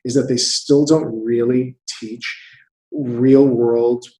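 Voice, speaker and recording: An American theatre investor in his fifties appears as a guest in a conversational interview, thinking aloud and often repeating words. His medium-pitched, dark voice keeps fairly even intonation and takes things slowly. The audio is poor and reverberant.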